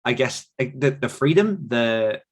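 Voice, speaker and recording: Unhurried and lively in intonation, his medium-pitched voice carries easy anecdotes from his own life. He's a British author being interviewed on a podcast, chatty and modest, often working through his thoughts aloud.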